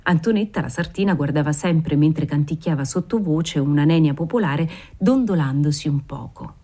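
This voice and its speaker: A woman narrating a classic novel aloud in a measured, descriptive reading. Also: deep voice, warm tone. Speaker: audiobook narrator. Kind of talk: scripted narration.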